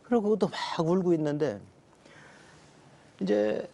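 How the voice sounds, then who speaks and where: A man's voice: high-pitched, slow, gravelly, warm tone. A middle-aged man, a pastor, telling a personal testimony and acting out his own quoted words. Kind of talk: personal testimony told in a talk show.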